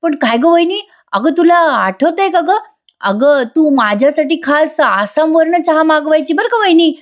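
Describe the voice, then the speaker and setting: A woman's voice: high voice, lively intonation, moderate pace, pitched above the performer's own voice. A woman voicing a scheming middle-aged man who coaxes and wheedles. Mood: coaxing. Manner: coaxing, wheedling.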